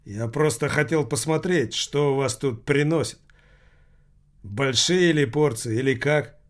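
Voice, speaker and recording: A man's voice: medium pitch, measured pace, natural voice. A man voicing an irritated man who bluffs his way through a tense dinner. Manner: irritated, insistent.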